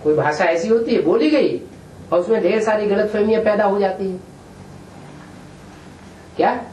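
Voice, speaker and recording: A man leads a spiritual question-and-answer session, explaining each point patiently and pausing to ask his listeners "what?" He sits well back from the microphone in a roomy, echoing space, with a faint hiss underneath. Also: sits high, a little mellow. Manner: explains patiently, often checks with a rhetorical "what?". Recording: echoey room, distant mic, faint hiss.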